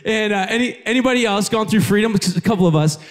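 A man's voice: sits high, fast. A man in his thirties, an executive pastor, preaching a sermon in a conversational, storytelling way and talking with the congregation. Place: church auditorium with live congregation.

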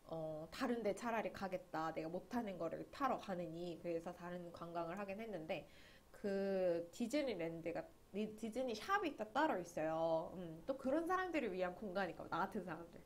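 A woman's voice: fairly low pitch, animated, moderate pace, few pauses, a little hiss or hum. A young woman teaching an English grammar lesson online, chatty and often checking that students follow along.

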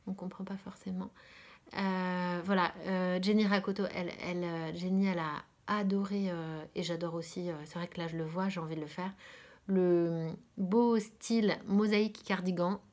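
A woman from France chats casually as host of a knitting podcast, her voice sitting a little low. She hesitates often and fills gaps with filler sounds, often slipping into a soft near-whisper. She gushes over what she likes, repeating words of praise. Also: steady tone, moderate pace. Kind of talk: casual chat about knitting.

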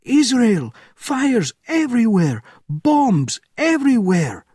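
Male narrator as a panicked border officer, shouting, high strained pitch, frantic, husky, audiobook drama. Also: huge pitch swings, takes it slowly, no echo, clean studio sound, full character voice. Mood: screaming panic. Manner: frantic, exclamatory.

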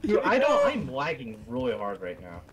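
A man's voice: medium pitch, wildly swooping pitch, moderate pace, crowd noise. A young man chatting over a game, a hyped gamer bro who talks in slang and swears freely. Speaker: gamer in a group voice chat. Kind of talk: casual gaming banter. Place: online voice chat over gameplay. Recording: very noisy gaming voice chat.

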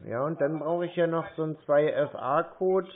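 His voice on the high side, a man plays a call target during a long, tinny-sounding phone call. He talks slowly and hesitantly, buying time with hums, fillers and minor grumbles.

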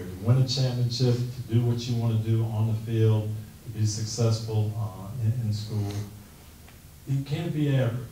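A man's voice: lowish voice, slight background noise. Earnest middle-aged man in an echoey room. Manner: earnest, measured, softly pleading. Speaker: guest speaker. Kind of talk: motivational talk and prayer. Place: classroom meeting room, indoors. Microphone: handheld mic. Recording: echoey room, camera from a distance.

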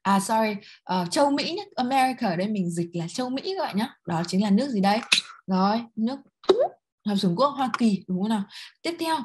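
A woman English teacher with a Vietnamese accent who goes through a textbook lesson. She reads the English slowly, explains quickly in Vietnamese and asks the class questions. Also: a little high, animated, darkish tone, a little hiss or hum.

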